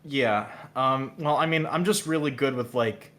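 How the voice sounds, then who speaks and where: A male guest musician in casual interview chat, hesitant with many fillers and restarts, with dry, low-key humor. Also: moderate pace, a loud crowd.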